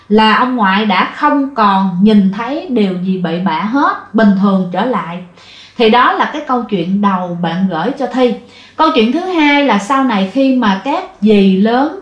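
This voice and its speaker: High-voiced woman storyteller. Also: dull audio. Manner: chatty, addresses listeners directly. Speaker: ghost story narrator. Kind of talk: storytelling to listeners. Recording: roomy echo.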